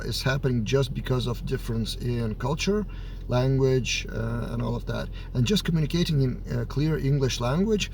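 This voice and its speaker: Speaking to camera in a relaxed way, a Lithuanian-accented man with a mid-range voice lays out his perspective as a developer and team lead. A mild cold colors his ordinary voice, his phrases are broken up by fillers and hesitant pauses, and a little background noise is audible.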